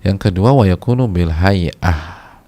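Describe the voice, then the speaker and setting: A man's voice: low-pitched, takes it slowly, warm tone. A male preacher giving a casual religious lecture, talking conversationally, repeating key phrases for emphasis and sometimes chanting short religious verses.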